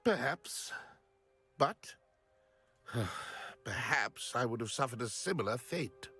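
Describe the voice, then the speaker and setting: A shaken, grieving widower. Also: male voice, mid-range voice, animated, slow, sharp tone, breathy edge, faint music behind, exaggerated voice. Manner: sorrowful, sighing, formal speech.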